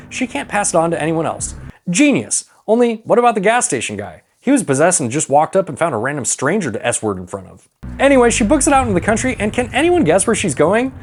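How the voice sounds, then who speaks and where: Over background music, a man hosts a movie recap in irreverent, sweary, scripted comic narration with a sarcastic edge. His voice is high, and there's a slight hiss or hum on the recording.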